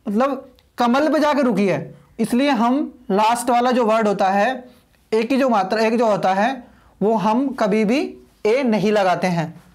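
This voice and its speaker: A man with a fairly high voice teaches a video lesson. He explains patiently, goes over each point more than once, and slows down to spell words out one letter at a time.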